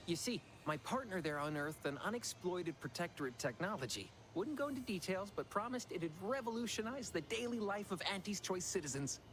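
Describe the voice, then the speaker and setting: An actor playing a nervous, scheming corporate clerk in a video game, talking in a folksy, fast-running way. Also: male voice, high-pitched, very animated, a bit bright, slight background noise.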